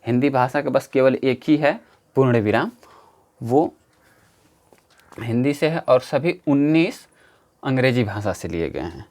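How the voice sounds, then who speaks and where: Slow, repetitive man teaching grammar. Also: medium pitch, lively intonation, darkish tone. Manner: slow, repetitive, explaining step by step. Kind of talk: exam-prep grammar lesson.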